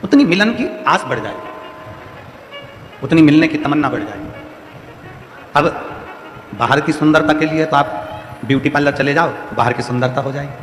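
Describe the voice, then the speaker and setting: A man's voice: on the high side, fairly bright tone. A man with a central Indian Hindi accent giving a devotional sermon, repeating phrases in a rhythmic, exhorting way. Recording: echoey hall with faint music.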